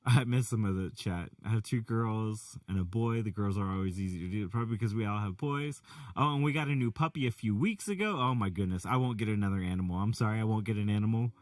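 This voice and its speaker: A middle-aged man chatting casually while reading out chat, rambling and animated with many restarts. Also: lowish voice, fast talker, dry recording, far from the mic. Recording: from the mic, faint music behind.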